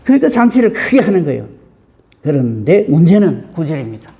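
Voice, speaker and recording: A man preaching at an early morning service, his voice high and full of gravelly fry. He talks in a folksy, conversational way, swinging his pitch widely and firing rhetorical questions at the congregation. His tone stays mellow and warm. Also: big pitch swings, fairly quick. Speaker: pastor. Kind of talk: dawn service sermon.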